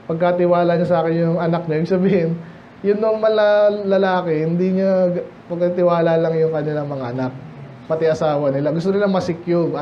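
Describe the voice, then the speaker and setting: A man preaching a midweek Bible study sermon in a conversational way, often asking the congregation rhetorical questions and reading scripture slowly and solemnly. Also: sits high, lo-fi sound, slight background noise. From Philippines.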